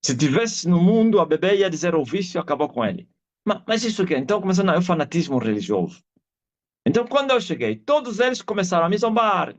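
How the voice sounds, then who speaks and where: Animated Angolan preacher, lively pitch. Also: male voice, fast talker. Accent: Angolan Portuguese. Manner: animated storyteller, acts out quoted voices and shouts. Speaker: apostle preaching a testimony. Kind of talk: testimony sermon on a live video call. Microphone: video call audio. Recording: dull lo-fi video call audio.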